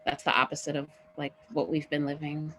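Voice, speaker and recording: Low-voiced young woman, casual and rambling. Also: little pitch movement, fairly quick, a bit bright, a little hiss or hum. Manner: casual, heavy use of "like" and "you know". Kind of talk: casual group discussion.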